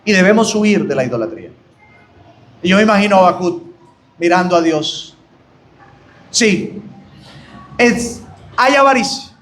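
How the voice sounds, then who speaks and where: A man's voice: high-pitched, animated, unhurried, pauses often, fairly bright tone. A man with a Colombian accent, preaching a fervent Bible study sermon to his brethren. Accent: Colombian Spanish. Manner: fervent preaching, rising on exclamations, addressing "hermanos".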